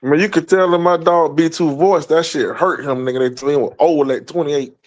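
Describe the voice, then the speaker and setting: A man's voice: a little high, steady tone, brisk. A man co-hosting a podcast, cracking jokes and trash-talking in casual chat. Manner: loud joking trash talk. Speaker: podcast co-host.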